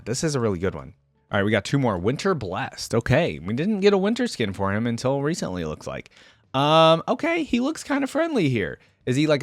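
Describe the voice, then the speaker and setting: A reaction video host, a man with a medium-pitched voice, offers casual, informal commentary on game character skins, thinking aloud as he goes. The recording has no room sound.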